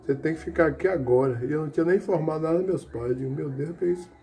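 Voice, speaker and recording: A man's voice: on the high side, rapid-fire, warm tone. A middle-aged man gives a personal testimony at a church service. He tells his story earnestly and keeps calling his listeners brother. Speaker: church member giving testimony.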